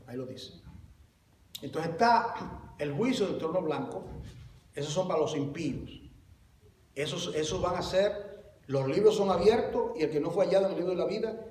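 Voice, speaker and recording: A man delivers a lively sermon in a high voice. He shifts between loud exclamations and low confiding asides, calling the congregation brother. He sounds off-mic in a reverberant church hall. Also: far from the mic, a little hiss or hum. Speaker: pastor.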